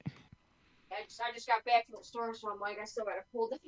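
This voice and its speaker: High-voiced chatty woman on a call. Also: level tone, a little fast, poor audio. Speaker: call participant. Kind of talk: casual group chat.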